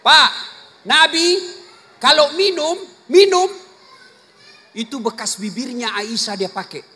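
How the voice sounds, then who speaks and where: A man's voice: extremely high pitch, slow. A man preacher, giving a jokey, teasing sermon to a live congregation. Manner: jokey, teasing, switches between quiet asides and shouted punchlines. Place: large hall or mosque, live audience. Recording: live hall with long reverb, faint crowd ambience.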